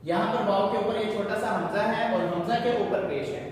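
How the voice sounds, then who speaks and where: A man teaching Quran recitation rules to a class, explaining each rule slowly and then chanting the words drawn out. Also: high-pitched, slight background noise. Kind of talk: classroom tajweed lesson. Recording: echoey hall, voice far from mic.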